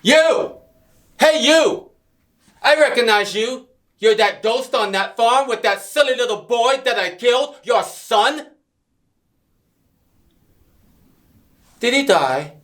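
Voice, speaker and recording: A man acting a sadistic, taunting British army colonel in a scene study, shouting some lines and murmuring others, heard from across the room. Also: fairly even intonation, brisk, few pauses, far from the mic. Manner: shouted taunts, then low menacing murmur. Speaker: acting student. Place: acting class studio.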